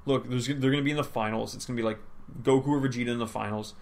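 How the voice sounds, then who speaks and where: A tired man co-hosting a casual podcast chat, yawning between thoughts. His voice is gravelly with a mid pitch, and he rambles, trails off and restarts sentences while speculating aloud. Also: steady tone, rapid-fire. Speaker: podcast co-host.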